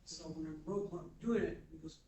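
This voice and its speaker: A man's voice: on the high side, fairly quick, background noise. Older man, wry, conference Q&A, reverberant room. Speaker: audience member asking a question. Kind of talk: conference panel question. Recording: roomy hall sound.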